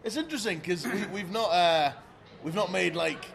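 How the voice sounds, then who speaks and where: A Scottish man, a band member, chatting in an interview in a jokey, animated way with quick laughs. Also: high voice, gravelly. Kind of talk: casual interview chat.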